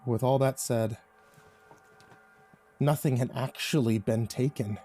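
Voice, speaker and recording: A man reads a first-person horror story aloud in a tense, uneasy tone. Now and then he stammers nervously, and his voice sits in an ordinary middle pitch. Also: fairly even intonation, takes it slowly, dark tone. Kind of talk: first-person creepypasta narration.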